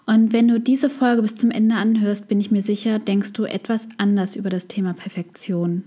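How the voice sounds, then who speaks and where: Calm woman hosting a self-help podcast. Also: medium pitch, normal speed. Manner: calm, speaks directly to the listener. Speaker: podcast host and psychologist.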